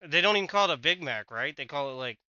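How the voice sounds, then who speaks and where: A man's voice: on the high side, lively intonation, quick pace, sharp tone, dry recording, highs cut off. A man streaming a game, chatting casually with a teammate, swearing often and trailing off mid-sentence. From United States. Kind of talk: casual gaming chat.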